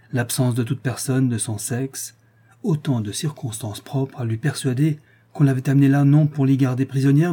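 Husky, mellow male audiobook narrator. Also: medium pitch. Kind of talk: literary audiobook reading.

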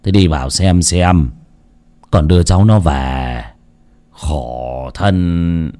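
A man's voice: low-pitched, slow pace, mellow, pitched below the performer's own voice. A man voicing a grumbling old guard who mutters threats at fish thieves.

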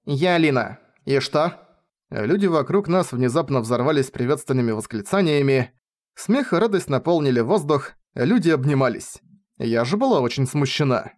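A man narrating a novel in the first person with an expressive, lively reading. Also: mid-range voice, normal speed. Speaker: audiobook reader.

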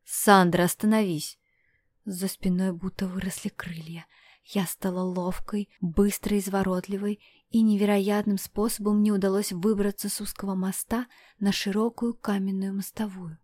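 Brief: female audiobook narrator, mid-pitched, brisk storytelling, dry close mic. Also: little pitch movement, mellow, no room sound. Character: heroine, a defiant young woman. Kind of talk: first-person audiobook narration.

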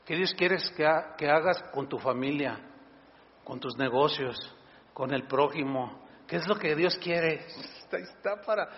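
A pastor preaches with a high, lively voice that climbs even higher when he acts out what others say. The sound is dull and muffled, and a long reverb from a large church hall trails after each phrase. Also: unhurried, slight background noise. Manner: animated, acts out quoted voices in a higher pitch. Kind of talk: sermon.

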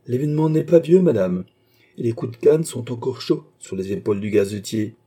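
A man's voice: mid-range voice, lively intonation, a little fast, warm tone, slightly rough. A man reading an audiobook, voicing a suave male police chief who speaks with polite, smug deference.

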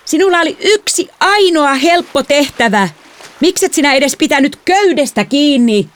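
A woman voicing a hot-tempered teenager in an audiobook, yelling impatiently. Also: mid-range voice, huge pitch swings, pitched above the performer's own voice. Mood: angry.

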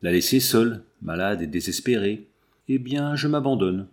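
A man's voice: fairly low pitch, lively intonation, normal speed, natural voice. A man reading as a hunted, desperate mother. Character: hunted, desperate mother, middle-aged woman.

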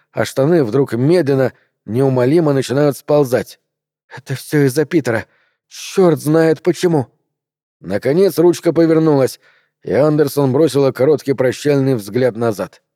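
A man reads a novel aloud in a calm, measured audiobook narration. His voice is warm and dark at an ordinary pitch. The recording is dry and close, with no room sound around him. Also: dry recording.

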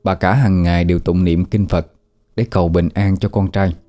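A man narrating a scripted ghost story, measured and steady. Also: deep voice. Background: faint background music.

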